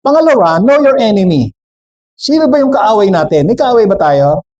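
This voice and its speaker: A man's voice: high-pitched, big pitch swings, normal speed, darkish tone, highs cut off. A man with a Filipino accent preaching a sermon, switching between Tagalog and English, questioning and joking with the congregation. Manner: jokes with the congregation.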